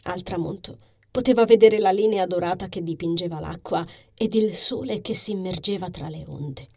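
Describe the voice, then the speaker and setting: A woman narrating a novel as a steady scripted reading, soft and hushed, sometimes sinking to a whisper. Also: lowish voice, slightly rough. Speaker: audiobook narrator.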